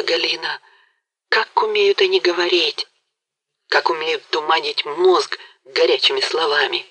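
A woman's voice: low-pitched, fairly bright tone, breathy edge, no room sound, full character voice, poor audio. A woman voicing a passionate young man who speaks fervently and makes vows in an audiobook. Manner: fervent, vowing. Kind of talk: audiobook character reading.

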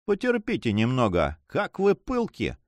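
A man's voice: mid-range voice, wildly swooping pitch, measured pace, no echo. A man voicing a cool, mocking male pirate captain who speaks with dry sarcasm, in an audiobook reading. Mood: coldly sarcastic. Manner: ironic, coolly sarcastic.

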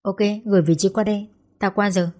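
A woman reading the lines of a loud, blunt young mother who is the narrator's best friend, with a husky, mellow tone. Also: mid-range voice, fairly even intonation, fairly quick, lightly acted. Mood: eager. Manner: loud, blunt, swears casually. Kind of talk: audiobook character dialogue.

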